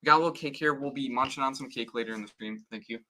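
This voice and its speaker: Bright-voiced rambling male stream host. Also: medium pitch. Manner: rambling, halting, full of "like" and restarts. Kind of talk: casual livestream chat.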